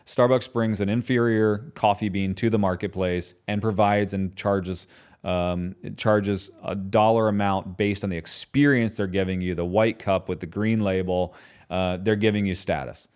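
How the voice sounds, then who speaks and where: A man hosting his own podcast, talking in a passionate, conversational way and often tagging his points with quick questions. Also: lowish voice, steady tone, a little mellow, smooth. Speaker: podcast host and business founder. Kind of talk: solo podcast talk.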